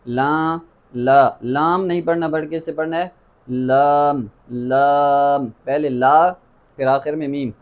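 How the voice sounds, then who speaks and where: A man teaching tajweed, working through the alphabet one sound at a time. He repeats each letter patiently and stretches some into a half-sung tone. His voice sits a little high for a man. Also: fairly even intonation, lo-fi sound. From Pakistan. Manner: patient, drills letters by repeating them slowly. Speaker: Quran recitation teacher. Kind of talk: tajweed pronunciation lesson.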